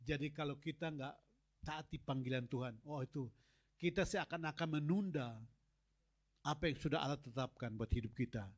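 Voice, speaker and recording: A man's voice: on the high side, normal speed. A middle-aged man preaching a sermon as a pastor, telling stories and acting out dialogue with God and Moses. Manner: animated storytelling, acts out God and Moses in dialogue.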